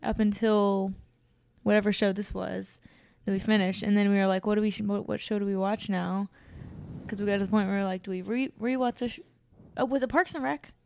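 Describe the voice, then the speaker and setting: A young woman co-hosting a casual podcast chat, relaxed and teasing, her voice a bit deeper as it recovers from being lost. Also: a little fast, vocal fry. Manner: relaxed, teasing, laughs often. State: recovering from voice loss, sounds deeper. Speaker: podcast co-host, dog obedience trainer.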